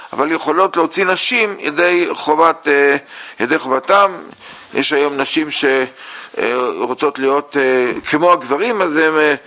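Man, rabbi teaching religious law, bright tone, slightly high voice, halting with fillers. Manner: halting, many "uh" fillers, reads sources aloud then explains. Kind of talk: halakha lesson.

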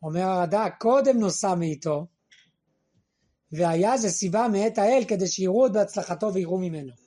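Husky, high-voiced man teaching Torah. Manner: asks questions and answers them himself; quotes verses and speaks figures' lines in a lower, quieter voice. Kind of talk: Torah class.

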